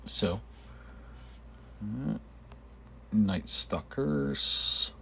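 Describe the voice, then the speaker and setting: A man giving casual gameplay commentary, halting and thinking aloud, with a cough and frequent throat clearing. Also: on the low side, sing-song, bright, forceful tone, a little hiss or hum. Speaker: gamer narrating own gameplay video.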